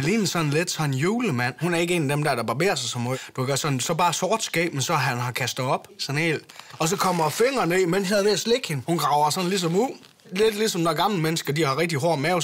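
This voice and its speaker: Male comic, voice pitched a bit high, rambles through a crude story with endless fillers. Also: a bit bright, slight background noise. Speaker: comedy character explaining.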